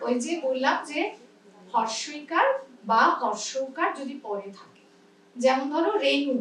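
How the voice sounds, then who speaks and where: A woman's voice: high-pitched, expressive, a little slow. A woman with a Bengali accent teaching pronunciation in a workshop. She explains patiently and often checks that her students understand. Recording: echoey room, mic at a distance.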